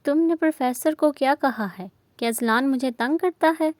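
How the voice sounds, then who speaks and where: A woman playing a cocky young guy in a storybook reading, smug and mocking. the voice stays fairly high and bright, close and dry with no room sound. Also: moderate pace, no echo, lightly acted. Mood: teasing. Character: teasing cocky young man.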